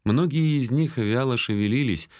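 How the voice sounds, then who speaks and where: A man reading a first-person adventure audiobook in a steady, even storytelling manner. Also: medium pitch, moderate pace, no echo, clean studio sound. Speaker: audiobook narrator. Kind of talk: first-person fiction narration.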